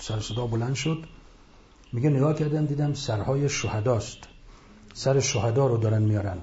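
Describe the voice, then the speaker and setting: A man giving an impassioned religious lecture, retelling a story and rising into loud rhetorical outbursts. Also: medium pitch, roomy sound. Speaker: preacher. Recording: dull lo-fi recording.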